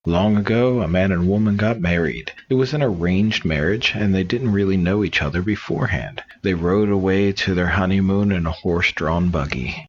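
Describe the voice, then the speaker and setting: A man reading jokes aloud in a relaxed storytelling way. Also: sits low, normal speed, lo-fi sound, slight background noise. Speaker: joke reader.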